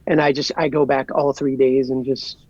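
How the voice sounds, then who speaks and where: A man's voice: mid-range voice, level tone, moderate pace, darkish tone, no echo, highs cut off. A man in his forties from Southern California, a guest chatting casually and rambling easily with lots of "like". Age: 40s. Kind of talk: casual podcast chat.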